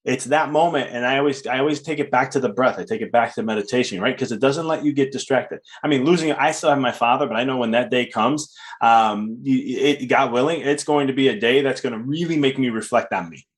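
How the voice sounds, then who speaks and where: A man hosting a podcast, talking in a calm, upbeat, casual way with loose fillers. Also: medium pitch, a little fast. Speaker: podcast host and coach. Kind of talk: casual interview chat.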